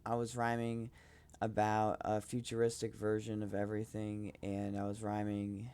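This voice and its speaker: Young male podcaster, smooth clear voice, hesitant and self-promoting, flat delivery. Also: lowish voice, normal speed. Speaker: rapper hosting his own podcast. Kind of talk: casual solo podcast talk.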